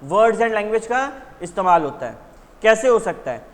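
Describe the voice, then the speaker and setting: A man with a high voice runs an exam revision lecture, firing questions at his students and answering them himself. His speech trails off into a long, reverberant tail. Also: sing-song, a little slow. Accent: Indian English words. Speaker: teacher.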